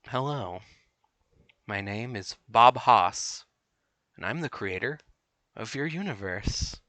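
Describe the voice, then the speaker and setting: Casting: a man doing a serene painter-god, slow, calm, soft-spoken, bright tone. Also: fairly low pitch, no room sound, full character voice. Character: gentle male creator-god painter.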